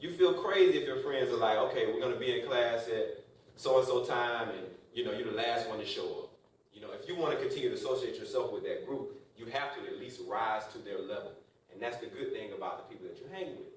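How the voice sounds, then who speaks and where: A man's voice: fairly low pitch, fast talker. A man gives a casual motivational talk to a classroom of college students, joking and asking rhetorical questions. His voice is picked up from a distance, so it sounds far off in a very echoey room with a faint hiss underneath. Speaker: speaker addressing college students.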